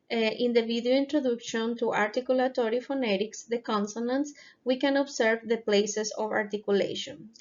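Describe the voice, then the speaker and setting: A woman narrating a lesson over slides, explaining carefully and often pausing with hesitations. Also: on the high side, darkish tone. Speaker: presenter explaining phonetics. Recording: dull, lo-fi recording.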